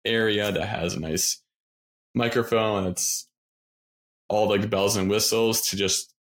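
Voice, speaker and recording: A man with a very deep voice hosts a podcast conversation. He speaks in an upbeat, encouraging way and reassures his guest. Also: fairly even intonation, measured pace, fairly bright tone. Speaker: podcast host. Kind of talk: casual interview conversation.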